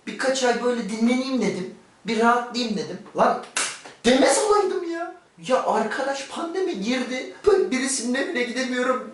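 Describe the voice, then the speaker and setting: A man playing a lonely, crude young Emre. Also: very high voice. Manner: crude, exasperated rant to camera. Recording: roomy and distant with faint noise.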